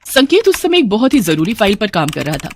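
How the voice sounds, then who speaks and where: Expressive woman narrating a story. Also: medium pitch, brisk, a little hiss or hum.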